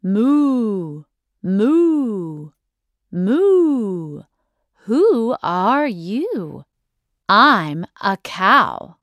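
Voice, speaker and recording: A woman reads a children's picture book to young learners, stretching every word out very slowly. Her pitch swoops up and down expressively. The recording is dry and close, with no room sound. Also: very animated, a bit bright, dry recording. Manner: slow, exaggerated, sing-song. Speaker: English teacher.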